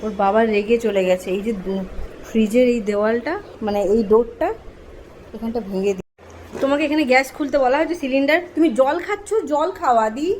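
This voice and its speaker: A woman's voice: a little high, a little fast, darkish tone, a little hiss or hum. A woman, vlogging at home as a mother who scolds her toddler in an exasperated, half-joking way. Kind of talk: casual scolding vlog.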